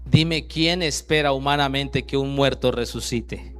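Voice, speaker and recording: A man preaching a sermon, reading scripture aloud and breaking in with rhetorical questions, swinging from loud bursts down to very soft lines. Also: medium pitch, a little slow, clean tone. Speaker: pastor.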